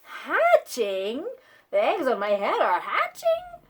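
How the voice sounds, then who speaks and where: A woman voicing an excitable, easily flustered storybook elephant with dramatic, exclamatory questioning. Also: high voice, takes it slowly, husky, exaggerated voice. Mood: exasperated.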